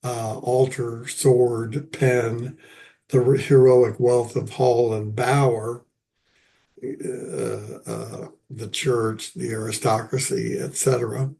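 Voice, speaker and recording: Hosting a poetry lecture, an older man sounds raspy and hoarse from a past illness. His medium-pitched, dark-toned voice comes out haltingly, broken by many pauses and fillers.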